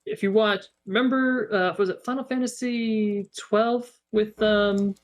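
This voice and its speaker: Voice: mid-range voice, steady tone, unhurried. A young adult co-host in a casual podcast chat, talking hesitantly with many fillers.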